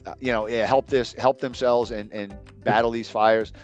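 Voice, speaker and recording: A middle-aged man speaking as a guest expert on an online webinar, hesitant with many pauses and fillers. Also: medium pitch, steady tone, dull audio, faint music behind. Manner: hesitant, many ums, trailing off. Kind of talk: casual online webinar talk.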